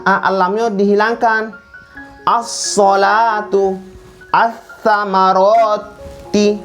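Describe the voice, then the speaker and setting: A man teaching Quran recitation rules in a classroom lesson, stretching words out slowly to demonstrate pronunciation. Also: sits high, fairly bright tone.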